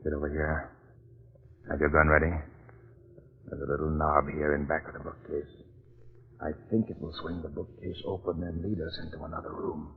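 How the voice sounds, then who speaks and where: A man playing a tough, commanding police detective in a 1940s radio drama, brisk and insistent. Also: mid-range voice, expressive, breathy edge. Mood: hushed, tense. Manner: brisk, insistent, takes charge. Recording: muffled 1940s radio broadcast.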